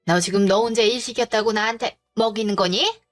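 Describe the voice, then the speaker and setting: A woman voicing a fussy older mother-in-law who speaks in a shrill, indignant way. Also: a little fast, soft background music, close to an everyday voice. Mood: accusing.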